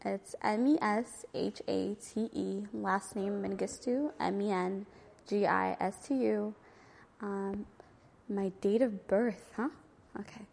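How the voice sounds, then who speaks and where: Speaking slowly with fairly even intonation, a woman in her thirties uses a creaky, darkish, mid-range voice to answer oral history questions, sharing casual memories in an informal, reflective, and hesitant style. Born in Ethiopia, she was raised in San Diego from age nine. The community center room gives a long, reverberant echo like a hall, with slight background noise.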